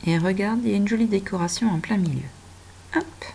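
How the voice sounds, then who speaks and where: A woman teacher gently guiding a child through handwriting and reading, speaking directly to them and stretching words out. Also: mid-range voice, a little fast, vocal fry, a little hiss or hum. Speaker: primary school teacher.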